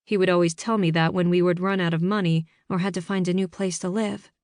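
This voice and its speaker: Woman reading an audiobook in first person, measured and steady, studio mic. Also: on the low side, no room sound. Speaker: audiobook narrator. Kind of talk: first-person scripted narration.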